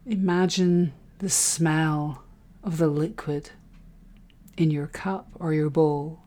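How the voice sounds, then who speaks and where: A woman guiding a relaxation and breathing exercise in a soft, soothing, unhurried way, with phrases that trail into breathiness. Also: low voice, fairly even intonation. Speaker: guided breathing meditation instructor. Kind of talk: guided relaxation meditation.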